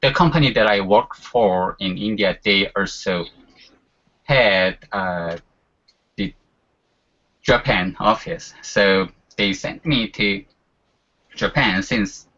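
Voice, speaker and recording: Speaking slowly with long pauses, a man in his forties whose first language is Korean chats informally as a guest, relying on fillers such as "you know." His lowish voice has a sharp tone, and the recording sounds dull and lo-fi.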